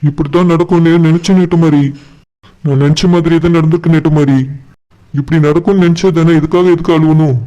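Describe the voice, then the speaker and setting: A man voicing a young village man in a cartoon, calm and reassuring on the phone. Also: on the high side, quick pace, muffled recording, lightly acted.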